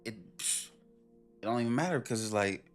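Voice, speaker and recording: A man ranting on a stream, his speech animated, profane and full of rhetorical questions. His voice sits at an ordinary pitch. Soft music plays underneath. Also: a little fast. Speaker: streamer reacting to a video. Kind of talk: casual stream commentary.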